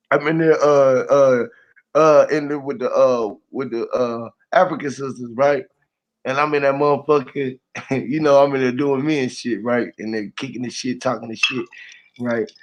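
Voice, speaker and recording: A middle-aged man streaming late at night, telling loose, profane stories and laughing often. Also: medium pitch. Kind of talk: late-night casual chat.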